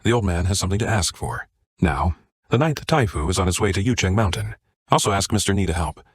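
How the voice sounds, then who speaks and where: A man narrating a comic story recap in a flat, even reading style. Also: sits low, quick pace, husky, no room sound.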